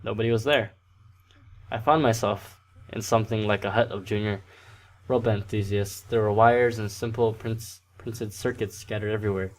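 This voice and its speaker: Low-voiced man reading a game aloud. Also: steady tone, moderate pace. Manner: casual, stumbling over words, self-correcting. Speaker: let's play host. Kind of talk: reading a visual novel aloud.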